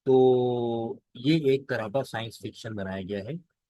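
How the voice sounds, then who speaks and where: A man teaching literature, reading lines slowly and explaining them at length in Hindustani with Urdu words, asking himself questions and answering them. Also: mid-range voice, dark tone, no room sound, lo-fi sound. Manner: fills pauses with "theek hai". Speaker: English teacher. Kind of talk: lecture explaining a text line by line.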